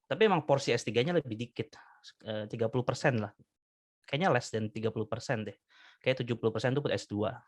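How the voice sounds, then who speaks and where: A man in his thirties, a lecturer and doctoral student, explaining ideas in a measured, lecturing way with many fillers. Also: mid-range voice, dry recording. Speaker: guest, communication lecturer and PhD candidate. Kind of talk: explanatory interview talk.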